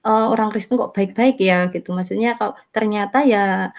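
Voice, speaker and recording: A woman's voice: medium pitch, moderate pace, gravelly. A woman casually telling her conversion testimony, rambling with many fillers and self-corrections. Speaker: testimony speaker. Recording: dull lo-fi sound.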